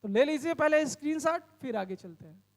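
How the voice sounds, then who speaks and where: A male grammar teacher with a high voice lectures in a room that rings with long reverb. He explains step by step, posing questions to the class and answering them himself. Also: animated, a little fast.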